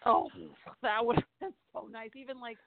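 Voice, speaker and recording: A woman, an actress and stunt performer, telling animated stories from film sets in a casual interview, swearing and acting out quotes. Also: a little high, normal speed, no room sound. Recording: dry thin phone-like sound.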